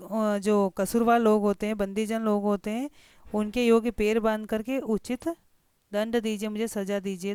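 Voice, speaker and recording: Woman slowly explaining a lesson. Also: medium pitch, a little mellow, clean tone, no echo. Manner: slow deliberate word-by-word explanation. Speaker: teacher. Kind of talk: explaining a textbook lesson line by line.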